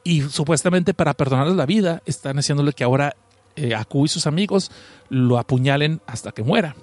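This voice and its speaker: A man with a Mexican accent retelling a story in casual, profane commentary, animated and full of slang. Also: a little high, brisk, no echo. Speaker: anime and manga reviewer.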